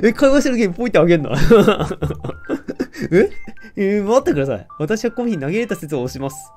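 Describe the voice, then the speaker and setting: Animated Kansai-accented game streamer. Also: male voice, high voice, fast, soft background music. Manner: playful, animated, jokes with the game and often laughs. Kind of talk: let's-play commentary reading character lines.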